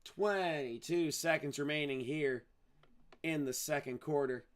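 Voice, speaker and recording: A man's voice: a little high, a little slow. A man streaming live play-by-play commentary on a football game, calling each play and dropping casual, sarcastic asides.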